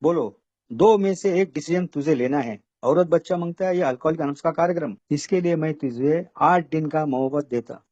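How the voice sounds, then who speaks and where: Man, rambling testimony, slightly high mellow voice, dull dry lo-fi online audio. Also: brisk, no echo. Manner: rambling storytelling, repeats "bola" and "doston". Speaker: AA member sharing his story. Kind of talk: personal recovery testimony.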